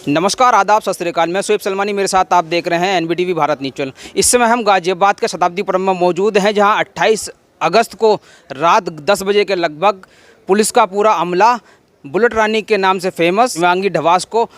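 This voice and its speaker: A man's voice: high-pitched, fairly quick, a bit bright, no echo. A male news reporter opening a field report in a formal announcer's delivery and introducing his guest.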